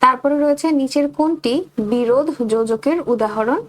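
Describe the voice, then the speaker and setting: A woman tutor with a Bangladeshi Bengali accent running a quick exam revision, reading each question and giving the answer straight to her students. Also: sits high. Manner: rapid question-and-answer drilling, addresses students directly.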